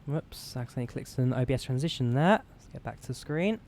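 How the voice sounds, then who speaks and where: A man's voice: expressive, fast talker, darkish tone. A man giving casual gameplay commentary, talking through his actions and checklists as he flies a simulator. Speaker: flight simulator player. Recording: faint engine rumble behind.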